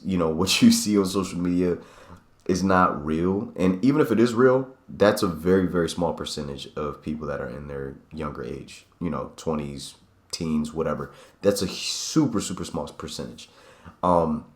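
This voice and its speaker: A man in his late twenties talking casually to camera in a vlog, reflective and rambling, often restarting his sentences. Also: low-pitched. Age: 20s. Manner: rambling, self-correcting, reflective. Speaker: vlogger. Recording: echoey room.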